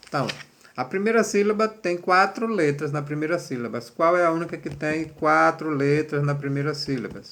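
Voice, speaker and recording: A man's voice: fairly high pitch, a bit bright. Patient man teaching children. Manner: patient, encouraging, spells out syllables. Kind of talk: remote classroom lesson.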